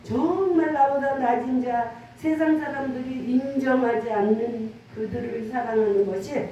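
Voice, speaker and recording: Middle-aged woman pastor, high voice, earnest and chatty delivery, recorded far off in a very echoey church room. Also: measured pace, mellow, highs cut off, slight background noise. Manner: earnest, conversational preaching with frequent call-and-response. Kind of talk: sermon.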